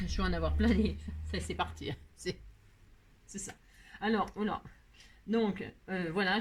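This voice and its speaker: Chatty woman, noisy craft tutorial. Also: mid-range voice. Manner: chatty, playful, self-mocking, many fillers. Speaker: crafting video host. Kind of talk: casual craft tutorial chat.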